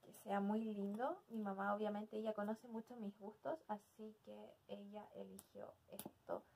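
Casting: young adult woman, mid-pitched voice, hesitant and casual, as an unboxing vlog host. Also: flat delivery, a little slow, vocal fry, darkish tone, slightly rough. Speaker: video host. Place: small decorated room indoors.

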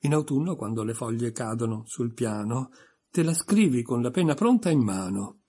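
A man's voice: mid-range voice, expressive, moderate pace, mellow, slightly rough. A man reading an audiobook voices a pompous, stern egg creature reciting verse.

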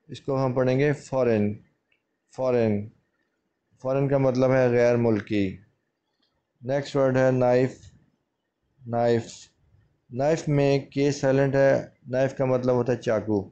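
A man teaching English pronunciation as a lesson, repeating each word slowly and explaining its meaning. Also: medium pitch, dark tone, muffled recording.

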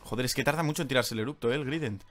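Faint music plays behind a young Spanish streamer with a Spain accent as he races through live gameplay commentary. He's excitable, flipping from loud outbursts to low mutters.

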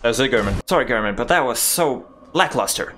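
Excitable young man yelping over gameplay. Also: medium pitch, brisk, a little hiss or hum. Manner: excitable, jokey, swings between yelps and mutters. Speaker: gaming YouTuber. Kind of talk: let's play commentary.

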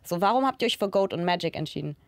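A young woman hosts a studio interview, asking relaxed, slangy questions. She leans on fillers as she talks. She speaks into a handheld mic. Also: fairly low pitch, very fast, no echo. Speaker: interviewer, host. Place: music recording studio.

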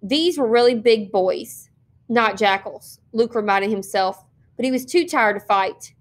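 A woman reads a children's novel aloud to her listeners as a teacher. Her voice sits a little high, and she narrates steadily and expressively, with an occasional slip or restart. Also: unhurried. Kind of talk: read-aloud storytelling.

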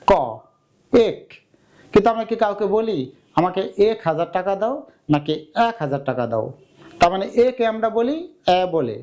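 A man's voice: sits high, a little mellow. A young man teaching a grammar lesson for exam preparation, explaining step by step and asking his students questions he then answers himself.

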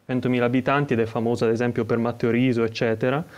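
A man's voice: mid-range voice, flat delivery, racing, darkish tone. Rambling young Italian man calling in. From Italy. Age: young adult. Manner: rambling, hesitant phrasing. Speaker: caller. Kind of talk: casual call-in chat.

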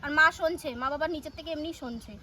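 A woman, playing a stubborn wife who talks back quickly in a scripted comedy skit. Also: sits high, a crowd in the background. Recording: distant mic with faint noise.

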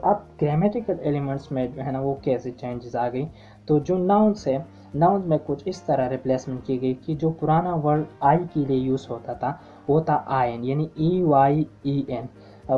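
A woman with an extremely low, dark voice delivers a lecture-style lesson as a teacher. She speaks hesitantly, filling gaps with drawn-out filler sounds and restarts. The recording is dull and lo-fi, with faint music underneath.

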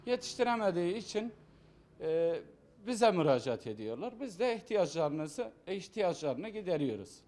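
Male small-business owner, high voice, explaining things to camera in halting short phrases. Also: big pitch swings, a little mellow. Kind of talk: interview to camera.

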